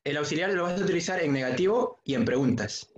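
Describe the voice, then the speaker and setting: A man's voice: fairly high pitch, animated, fast, a little hiss or hum. A man teaching an English grammar lesson in on an online class, patiently repeating key points and calling on students by name. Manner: asks students questions by name. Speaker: secondary school English teacher. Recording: dull, echoey room sound.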